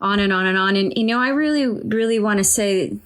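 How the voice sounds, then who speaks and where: A woman's voice: medium pitch, a little fast, smooth. A woman hosting an interview who tells rambling stories from her work as an equine body worker. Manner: anecdotal, rambling, acts out quoted voices. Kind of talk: casual conversational interview.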